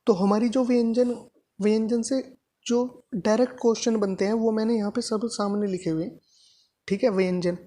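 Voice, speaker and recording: A woman's voice: on the high side, steady tone, moderate pace, warm tone. A woman teaching a grammar lesson to exam students, explaining step by step and answering her own questions. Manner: repeats points with frequent "thik hai" checks.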